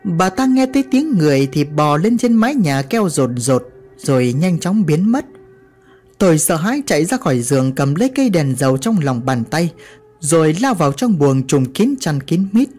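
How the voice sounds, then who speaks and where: Woman storyteller for a spooky tale, lively and expressive, faint music under. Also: sits low, moderate pace. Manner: first-person storytelling. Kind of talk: scripted horror story narration.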